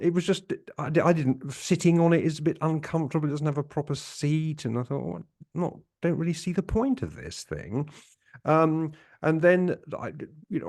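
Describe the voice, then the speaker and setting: A man's voice: mid-range voice, darkish tone. An older man hosting a podcast, telling a rambling personal story with many fillers, restarts and hesitations. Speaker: podcast host. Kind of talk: casual monologue.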